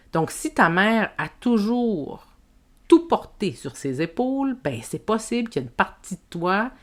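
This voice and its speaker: A woman with a Québécois French accent hosting a self-help podcast, speaking to the listener in a gentle, reflective way. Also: on the low side. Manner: slow, gentle, addresses the listener as tu. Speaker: podcast host and women's coach.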